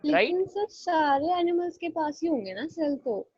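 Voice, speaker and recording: A woman's voice: sits high, lively intonation, measured pace, a little mellow, no echo. A woman student in class, eagerly answering and asking the teacher questions. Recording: dull lo-fi dry sound.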